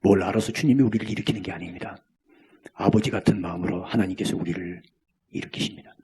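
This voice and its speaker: A man preaching a sermon as pastor, swinging between near-shouts and hushed whispers. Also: deep voice, fairly even intonation, fast talker, husky.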